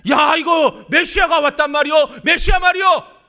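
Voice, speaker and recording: A male pastor voicing excited, bickering villagers in a crowd in rough everyday speech. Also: mid-range voice, moderate pace, pitched below the performer's own voice, natural voice. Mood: scolding. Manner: excited, bickering colloquial chatter. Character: gossiping, scolding villagers in a crowd.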